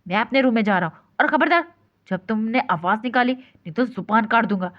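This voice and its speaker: A woman voicing a short-tempered young husband who threatens and scolds gruffly. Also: very high-pitched, expressive, a little fast. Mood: angry scolding. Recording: dull lo-fi recording.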